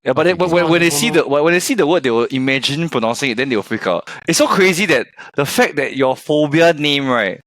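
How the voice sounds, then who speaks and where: High, excitable co-host. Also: male voice, fast talker, hardly any pauses, no room sound. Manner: excitable, laughing. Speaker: podcast co-host. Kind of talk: casual podcast chat.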